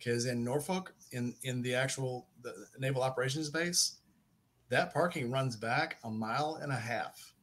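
A man's voice: medium pitch, normal speed, fairly bright tone, a little hiss or hum. A middle-aged man hosting a casual podcast chat. He rambles, corrects himself mid-sentence and jokes. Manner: rambling, self-correcting, joking. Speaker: podcast host.

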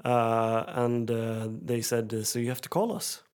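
A man's voice: medium pitch, completely flat delivery, a little slow, darkish tone, clear, resonant tone. Rambling male podcast co-host telling a story. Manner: rambling storyteller, acts out phone calls in a raised voice. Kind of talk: casual chat.

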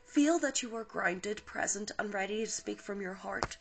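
A woman hosting a spiritual podcast, reading oracle cards and a guided meditation in a soft, gentle, unhurried voice. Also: medium pitch, creaky, breathy edge, rough recording.

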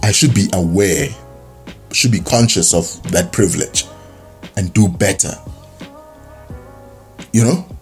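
A man's voice: low-pitched, takes it slowly, long pauses, soft background music. Rambling young South African man. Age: young adult. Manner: rambling, many fillers and restarts. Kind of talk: casual opinion monologue.

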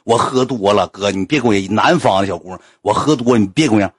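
A man's voice: fairly low pitch, a little fast, slightly rough, no room sound, studio quality, voice pushed down. A man voicing a drunk young woman who keeps apologizing and pleading.

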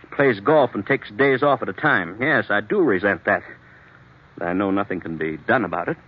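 In a 1940s radio drama on a dull old recording, a man with a fairly low, husky voice plays a troubled businessman who suffers blackouts and confides in a doctor. His delivery is lively in intonation and moderate in pace, guarded, hesitant and earnest, turning agitated when challenged.

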